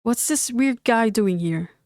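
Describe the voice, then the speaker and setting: A woman reading the lines of a blunt, upset young woman, in a smooth, slow voice. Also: fairly high pitch, lively intonation, darkish tone, dry recording, studio quality.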